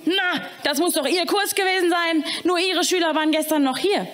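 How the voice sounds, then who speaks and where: A woman putting on a red-faced male school caretaker who squawks his complaints in a strained, high voice. He is indignant and exasperated, scolding a class he blames for a mess. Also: moderate pace, fairly bright tone.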